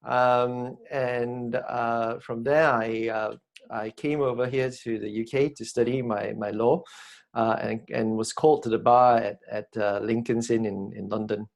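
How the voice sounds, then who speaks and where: A man from Malaysia introducing himself as a guest lawyer on an online panel, polite and halting. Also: mid-range voice, steady tone, creaky.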